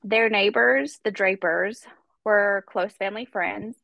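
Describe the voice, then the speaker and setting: A woman hosting a podcast, congested from a cold, talks through a true-crime story casually and chattily with many fillers. Her medium-pitched voice is gravelly, bright and forceful, and she speaks slowly with no echo around her.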